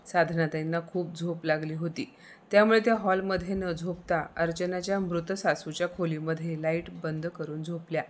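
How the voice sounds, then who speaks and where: A woman tells a family ghost story as scripted narration. Her voice sits a little low, and she reads steadily with a touch of drama. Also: flat delivery, moderate pace.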